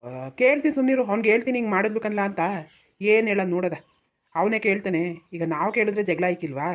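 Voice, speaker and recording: A tired old cartoon village father-in-law, as a woman acts him, who keeps hushing everyone in a rural Mysore-region accent. He talks fast and begs for peace at home. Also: medium pitch, muffled recording, close to an everyday voice. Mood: soothing. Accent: rural Mysore-region Kannada. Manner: pleading, placating, keeps saying hush.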